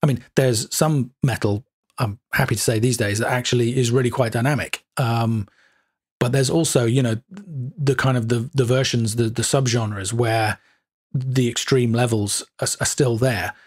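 A man's voice: mid-range voice, normal speed, slightly rough. A man hosting an interview podcast, chatting with hesitations and filler words. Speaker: podcast host. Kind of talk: conversational interview.

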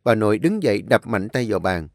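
A man narrating a novel in an expressive, dramatic reading. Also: fairly low pitch, a little fast, no room sound, clean studio sound. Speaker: storyteller. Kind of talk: audiobook narration.

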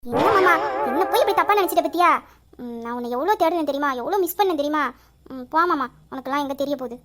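A woman plays a teasing young woman in love in a romantic audio drama. Her voice sits high and runs fast, coaxing and playful in banter. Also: a bit bright, faint music behind.

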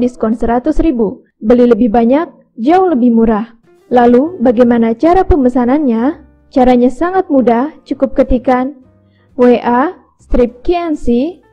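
A woman reading a scripted product advertisement in an even, upbeat sales voice, slowing down to read out numbers. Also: high voice, muffled recording. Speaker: ad narrator.

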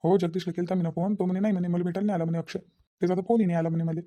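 A man's voice: high-pitched, level tone, very fast, mellow, lightly acted. An actor voicing a stern village father-in-law. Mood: reproachful. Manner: lecturing, reproachful. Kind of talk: cartoon voice acting.

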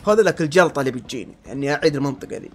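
Guy narrating his gameplay super fast, yells at enemies then mutters, slightly high voice. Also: expressive. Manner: shouts insults at enemies, then drops to low muttering. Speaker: gamer. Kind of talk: let's-play commentary.

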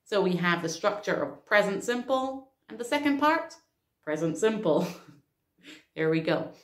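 A woman teaching grammar in an online lesson, explaining clearly with a dry sense of humor. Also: mid-range voice, animated, a little slow. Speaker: English teacher. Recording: echoey room.

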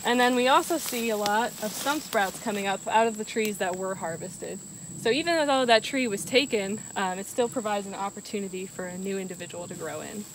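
A woman in her thirties, a wildlife biologist, explaining forest habitat outdoors in a steady, explanatory way, with a clip-on mic. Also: mid-range voice, a little fast, a little hiss or hum, poor audio. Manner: steady, explanatory, walking and pointing at plants. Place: forest clearing and woodland, outdoors.

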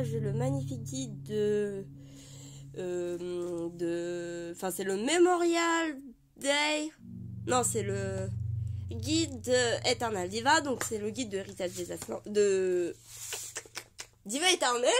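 Hoarse woman with a cold, gushing. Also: fairly high pitch. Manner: gushing, rambling with many fillers. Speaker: vlogger showing her collection. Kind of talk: casual show-and-tell. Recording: noticeable background noise.

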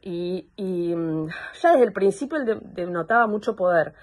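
A young woman with an Argentine accent gives personal testimony over a video call, halting and searching for words. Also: on the low side, animated. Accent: Argentine Spanish. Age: young adult. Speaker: complainant in a psychological assessment.

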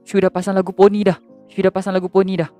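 High-voiced man, lively and joking. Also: fast, soft background music. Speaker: game role-play host playing a father. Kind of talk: casual game role-play narration.

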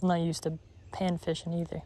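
Recorded outdoors on a chest camera, this pond-fishing vlogger talks in a rambling, offhand way, often correcting himself. His voice sits on the high side and sounds mellow, with a brisk pace and a completely flat delivery.

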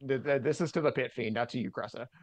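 Guy at a d&d table, mid voice, rushing his moves, dry sound. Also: mid-range voice, no room sound, highs cut off. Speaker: player. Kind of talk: tabletop game play.

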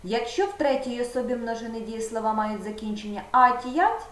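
A woman's voice: fairly high pitch, a little fast. Patient teacher woman, roomy sound. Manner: patient, guiding, talks directly to the pupil. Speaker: primary school teacher. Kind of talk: video lesson for children. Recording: roomy echo with faint background noise.

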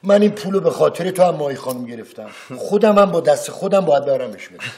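An actor playing an exasperated man with an odd, high squeaky voice, nagging for his money in a sitcom. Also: animated, mellow, lightly acted. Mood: indignant. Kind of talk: TV sitcom acting.

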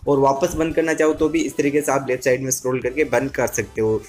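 A man's voice: medium pitch, little pitch movement, fast, darkish tone, faint music behind. A man with an Indian accent giving a casual step-by-step phone tutorial, instructing viewers directly and often repeating himself. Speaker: tech tutorial host.

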